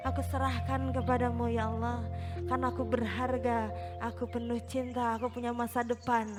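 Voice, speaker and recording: A woman leading an emotional guided prayer as a religious teacher, pleading and swelling loud, then dropping to a hushed, slow coaxing. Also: on the high side, flat delivery, music in the background.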